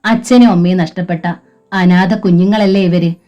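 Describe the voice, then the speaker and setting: A woman's voice: on the low side, steady tone, moderate pace, mellow, soft background music, close to an everyday voice. A woman voicing a grave, worried elderly grandfather in an audio novel, with a plain, serious delivery.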